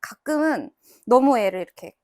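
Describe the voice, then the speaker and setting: Middle-aged woman, high, very lively voice, dry close sound; a tutor lecturing parents and acting out quotes. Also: moderate pace, no echo. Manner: animated, acts out mothers and children in quoted lines. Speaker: author and English tutor giving a parenting talk. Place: small library book cafe.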